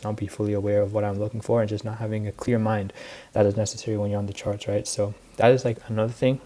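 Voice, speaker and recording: A man's voice: on the low side, dark tone. A teenage boy rambling through a casual weekly recap, tired and short of breath, with lots of fillers. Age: teens. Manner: rambling, filler-heavy, laid-back. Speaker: student trader recapping his week.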